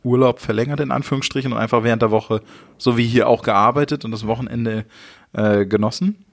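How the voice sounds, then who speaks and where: Guy from hamburg on a podcast, mid pitch, lots of ums and restarts. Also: steady tone, fairly quick, gravelly. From Hamburg, Germany. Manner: hesitant, many fillers and restarts. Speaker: interview guest, managing director. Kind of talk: podcast interview.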